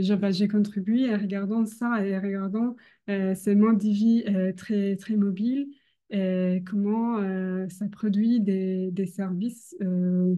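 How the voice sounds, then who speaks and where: A young woman with a foreign accent, a non-native speaker, gives an academic presentation hesitantly, often pausing to search for words. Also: mid-range voice, mellow. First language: not French. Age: young adult. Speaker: doctoral researcher presenting.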